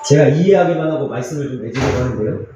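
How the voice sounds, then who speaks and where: A man pastor preaching a sermon in a church, earnest and confessional, with pauses and fillers. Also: medium pitch, very echoey, dull audio, over music. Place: church sanctuary.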